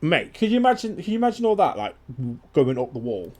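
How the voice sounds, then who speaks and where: A man's voice: a little high, sing-song, quick pace, slight background noise. A young man streaming a game, chatting casually and animatedly, swearing freely. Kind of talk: casual gaming chat.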